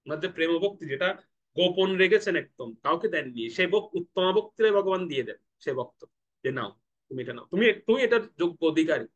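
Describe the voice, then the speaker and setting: A man's voice: a little high, fairly bright tone, dull audio. A man from Bangladesh preaching a devotional sermon, explaining step by step, asking rhetorical questions and having listeners repeat words.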